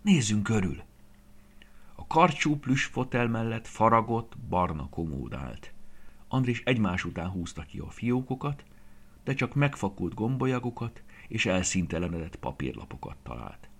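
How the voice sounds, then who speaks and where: A man narrating a children's story in an expressive, lively reading voice, sometimes dropping to a whisper. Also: on the low side.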